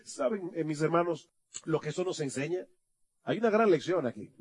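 A male pastor preaching a sermon, asking rhetorical questions and swinging from quiet to loud. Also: on the high side, expressive, normal speed, breathy edge.

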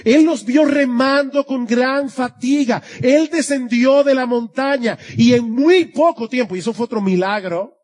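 A man preaching an expository sermon to his congregation, earnest, with a voice that swells and drops for emphasis. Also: extremely high pitch. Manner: earnest, rising and dropping for emphasis. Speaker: pastor.

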